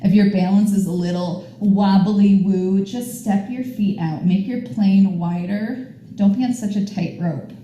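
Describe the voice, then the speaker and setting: Encouraging woman guiding a slow yoga class. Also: medium pitch, warm tone, very echoey, rough recording. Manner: encouraging, upbeat and chatty. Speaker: yoga teacher. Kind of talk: guided yoga class instruction. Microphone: camera mic at a distance.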